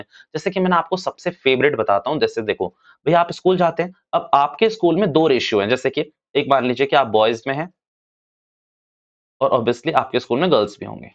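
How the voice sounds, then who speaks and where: A man, teaching commerce in a casual classroom lecture and repeating his points as he talks to students. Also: fairly high pitch. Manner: chatty, addresses students as "bhaiya", repeats points. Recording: dull lo-fi sound.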